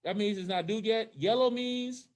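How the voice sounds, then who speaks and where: A high school social studies teacher speaks at a moderate pace in a high-pitched voice, his words slightly muffled by a face mask. Teaching students in the classroom and online, he stays informal and keeps checking that everyone follows.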